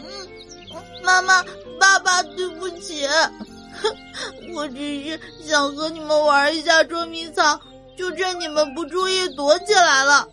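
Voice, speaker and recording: A woman's voice: very high-pitched, steady tone, a little slow, pushed and bright, soft background music, pitched above the performer's own voice, exaggerated voice. A woman voicing a small, timid rooster chick who whimpers and sobs in a children's story. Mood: tearful.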